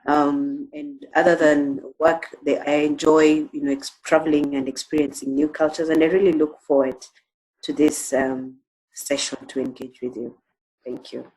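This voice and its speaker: A woman from Kenya introducing herself on a panel in a measured way, with many fillers. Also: low voice, level tone, dark tone, rough recording. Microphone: video call.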